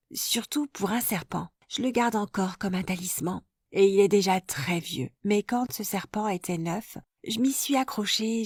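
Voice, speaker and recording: A woman calmly narrating a first-person life story in a scripted, even storytelling voice. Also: medium pitch, slightly rough, no room sound, studio quality.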